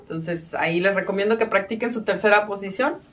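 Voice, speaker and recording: A woman's voice: medium pitch, brisk, loud music behind the voice. A woman giving a casual violin lesson, friendly and self-mocking, counting beats aloud. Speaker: violin teacher.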